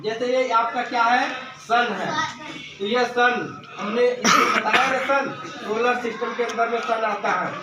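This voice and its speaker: High-voiced male teacher in an echoey classroom. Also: steady tone, unhurried. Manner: asks questions and answers them himself; addresses students as beta. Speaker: school English teacher. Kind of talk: classroom grammar lesson. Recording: echoey room from far off, noisy.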